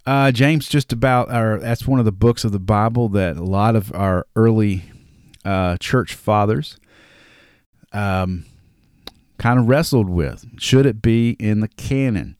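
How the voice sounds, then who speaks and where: A man with a Southern drawl talks casually through Bible verses, reading scripture aloud between loose, conversational asides. His voice sits fairly low, and the recording is dry and close. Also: a little slow, darkish tone, clean tone, dry recording. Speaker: podcast host. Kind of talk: casual Bible study talk.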